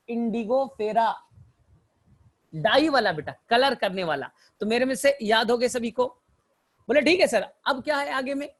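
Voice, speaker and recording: A male teacher giving a botany lecture through mnemonic stories, who keeps calling his students "beta" and asks and answers his own questions. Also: very high-pitched.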